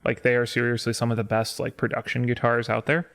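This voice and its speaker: A man's voice: mid-range voice, completely flat delivery, fast talker, a bit bright. Male co-host, casual and teasing, leads the banter. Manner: teasing, runs the list. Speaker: podcast co-host. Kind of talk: casual gear chat.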